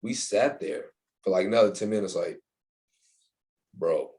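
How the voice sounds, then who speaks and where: Low, dark-voiced young man, halting speech. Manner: casual, halting, many restarts and fillers. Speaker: interviewee, university staff member. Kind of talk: casual interview talk.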